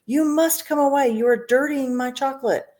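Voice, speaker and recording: A woman voicing an excitable man who runs a chocolate factory, fretful and pleading. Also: sits high, moderate pace, pitched above the performer's own voice, natural voice.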